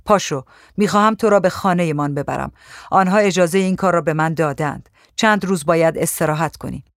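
A narrator voicing a bold, stern young woman who speaks firmly and reproachfully, slightly lower and softer than the narration. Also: no room sound, studio quality, natural voice.

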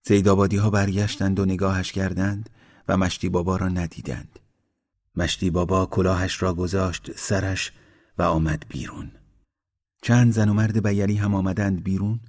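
A man with a very low, deep voice reads a literary story aloud. His narration is slow and measured, dropping quieter in the darker passages. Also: steady tone. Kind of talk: storybook reading.

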